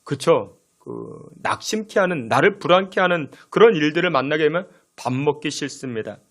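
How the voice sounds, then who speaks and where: Korean pastor preaching, rising and falling emphasis. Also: male voice, expressive, normal speed. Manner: rhetorical questions to the congregation; shifts between loud emphasis and soft low phrases. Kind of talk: sermon. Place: church sanctuary.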